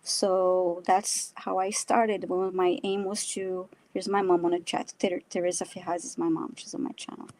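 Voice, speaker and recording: A woman from São Paulo, Brazil, a native Portuguese speaker with a Brazilian accent, is a guest in a live chat, an animal communicator and energy healer. She tells casual personal stories about herself in a halting, self-deprecating way. Her voice is fairly low, flat, and darkish, and the audio is poor.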